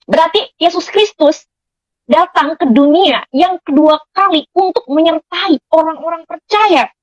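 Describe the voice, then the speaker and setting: High-voiced woman rattling off her conversion story quick, earnest, dull dry lo-fi sound. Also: no echo. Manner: earnest, addresses listeners as friends, many fillers. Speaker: testimony speaker. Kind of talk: emotional personal conversion testimony.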